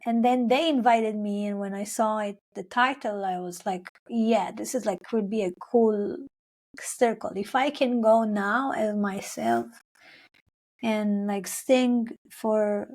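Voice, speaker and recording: A young adult woman from Israel-Palestine, a singer whose first language is Hebrew, tells her story in English during an interview. Her mid-range voice is slow and a little mellow. She rambles, fills gaps and restarts often, and acts out things she once said.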